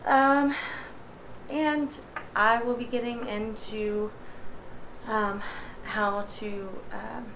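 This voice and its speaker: A woman vlogger talking casually through a repair demonstration, out of breath from working a hand pump and filling pauses with ums. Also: on the high side, fairly even intonation, fairly bright tone, slight background noise. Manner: chatty, many ums, pauses while pumping.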